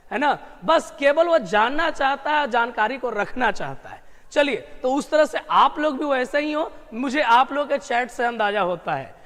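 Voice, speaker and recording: A man teaching English grammar online. He drills his students with repeated questions, slows down to stress key terms and breaks into emphatic bursts. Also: very high-pitched, long reverb tail. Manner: lively with sudden emphatic outbursts.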